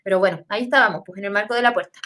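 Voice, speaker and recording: A young woman with a Chilean Spanish accent, telling a story in a casual, animated way, with lots of slang and swearing. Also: mid-range voice, rapid-fire.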